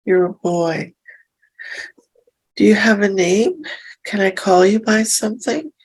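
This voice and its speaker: A woman leading a hypnosis session, speaking softly and reassuringly as she gently asks questions. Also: medium pitch, expressive, slightly rough, poor audio. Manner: soft, slow and soothing, reassuring. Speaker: hypnosis practitioner.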